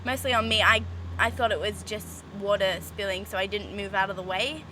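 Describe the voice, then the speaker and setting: A woman's voice: medium pitch, normal speed. A woman student vlogging casually in her backyard, rambling with restarts and giggles. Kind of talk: casual chat. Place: backyard, outdoors. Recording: outdoor traffic noise.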